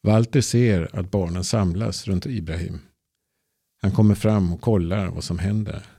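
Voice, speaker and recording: A man reading a simple story aloud, slowly and clearly. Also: low voice, dark tone, no echo, clean studio sound. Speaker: narrator. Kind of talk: easy-Swedish storybook reading.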